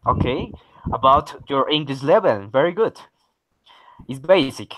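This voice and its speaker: A man, patient and encouraging, sprinkling okay and very good everywhere. His voice sits at an ordinary pitch, and it is recorded dry and close with no room sound. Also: animated, unhurried, a bit bright, no echo, poor audio. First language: Spanish. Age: 30s. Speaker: English teacher. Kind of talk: online English lesson.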